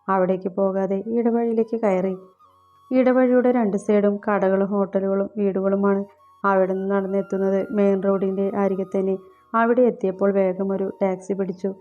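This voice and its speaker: A woman narrating a romantic audiobook story in a steady, even reading. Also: medium pitch. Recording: slightly dull, music underneath. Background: soft background music.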